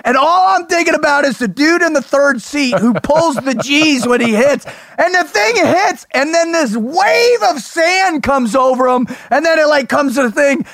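An American man hosting a show, telling stories in an animated, slangy, bro-ish way. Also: very high-pitched, moderate pace, vocal fry, no echo, clean studio sound. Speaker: host of an interview show. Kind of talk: casual chat and storytelling.

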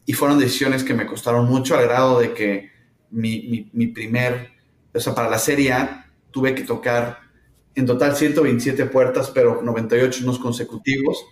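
A middle-aged man from Mexico with a Mexican accent, answering interview questions thoughtfully with many pauses and fillers. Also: medium pitch, fairly even intonation. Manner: thoughtful, hesitant with frequent fillers. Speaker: startup founder, guest. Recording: roomy echo.

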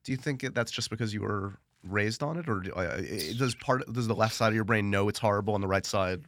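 A man's voice: on the low side, quick pace, fairly bright tone, no echo. A man hosting a casual interview, rambling through his questions with dry jokes. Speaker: podcast interviewer.

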